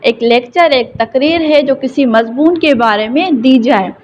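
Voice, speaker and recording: High-voiced Pakistani woman teaching English slowly. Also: darkish tone, highs cut off, slight background noise. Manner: reads English slowly, then explains it in Urdu. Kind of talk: recorded classroom lesson.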